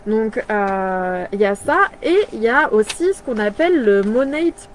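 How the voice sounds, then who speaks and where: A woman in her thirties chatting casually on a live video, pausing often with fillers and restarting her sentences. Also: medium pitch, lively intonation, slight background noise. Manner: hesitant, many fillers and restarts. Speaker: brand partner presenting products.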